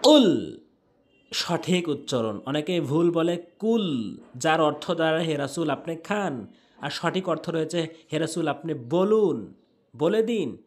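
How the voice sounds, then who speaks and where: This is a man teaching recitation, his voice sitting a little high for a man. He drills each syllable slowly and over again in an earnest, coaching way. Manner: drills sounds slowly and repeats them. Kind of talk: tutorial lesson.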